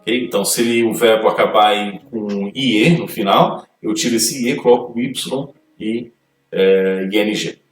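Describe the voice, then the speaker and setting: A man's voice: fairly low pitch, fairly even intonation, normal speed, recorded from a distance. A man teaching an English grammar lesson, reading rules aloud and explaining them step by step. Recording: echoey room, voice off-mic, faint music.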